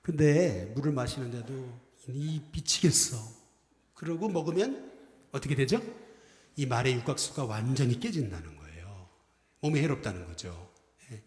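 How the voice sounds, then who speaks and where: In an echoey church hall with long reverb, a middle-aged senior pastor delivers his Sunday sermon at a moderate pace and medium pitch. He leads call-and-response greetings with the congregation, animated and acting out the phrases he quotes from the sanctuary.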